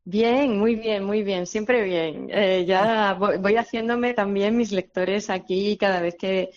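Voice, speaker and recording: A woman's voice: medium pitch, fairly even intonation. Woman author guest, hesitant and restarting, slightly dull lo-fi line. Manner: halting, many restarts and fillers. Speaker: novelist guest. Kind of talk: radio interview answers.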